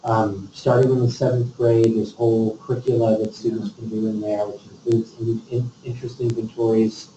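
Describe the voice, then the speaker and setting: A man's voice: fairly low pitch, flat delivery, normal speed, few pauses, mellow, a little hiss or hum. A man in a committee meeting discussion, leading the agenda and thinking aloud with frequent restarts. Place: meeting room. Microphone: distant room mic. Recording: dull, echoey meeting room from far off.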